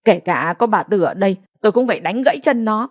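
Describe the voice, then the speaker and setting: A woman's voice: medium pitch, animated, quick pace, lightly acted. A woman voicing a hot-tempered middle-aged village man who rallies others in anger. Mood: furious. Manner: angry and rallying.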